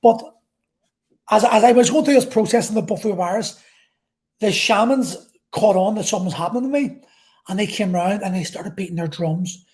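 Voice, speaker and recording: A woman vlogger telling an intense personal story in a halting way, repeating phrases and swearing. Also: mid-range voice, darkish tone.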